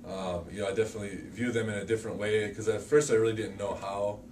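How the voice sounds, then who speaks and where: A young man recalls a trip abroad in quick, casual speech that keeps restarting. His voice is fairly low. He sounds far from the mic, with faint music behind him. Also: fairly even intonation, noisy background. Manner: fast-talking, halting restarts. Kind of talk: casual conversation.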